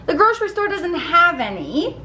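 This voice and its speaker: A woman's voice: very high-pitched, very animated, moderate pace, bright, forceful tone, a little hiss or hum. A woman in her thirties chatting upbeat to viewers as she preps food in her home kitchen, camera held at arm's length. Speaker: vlogger showing meal prep. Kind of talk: casual cooking vlog talk. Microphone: handheld camera at arm's length.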